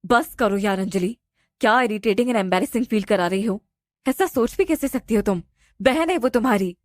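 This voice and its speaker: A woman voicing a protective, quick-tempered young husband in an audio drama, speaking firmly and commandingly. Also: medium pitch, expressive, no room sound, lightly acted. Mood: angry. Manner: firm, commanding.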